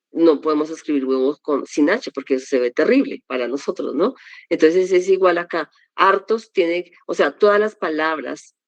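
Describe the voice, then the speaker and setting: A woman's voice: deep voice, a little mellow, no room sound. A woman teaching a Greek vocabulary class, explaining pronunciation step by step with patient examples. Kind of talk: classroom lesson.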